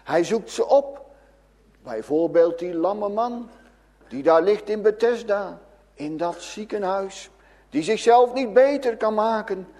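A man preaching a sermon to children and adults, swinging between loud calls and hushed lines. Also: sits high, animated, slow pace, long reverb tail.

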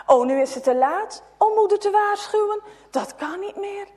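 A woman's voice: very high voice, animated, normal speed, a little mellow, voice pushed up. A woman voicing an anxious young girl in a read-aloud story, fretful and sighing.

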